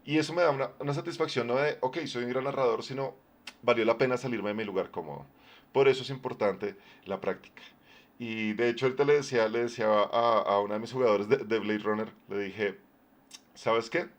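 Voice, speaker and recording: A man with a low, deep voice, talking casually on his live stream as a game master, conversational with many fillers and restarts. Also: fairly quick. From Colombia.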